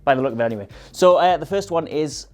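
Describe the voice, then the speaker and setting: A man's voice: fairly high pitch, lively intonation, fast, soft background music. A man, a panelist in a casual chat, dry and sardonic.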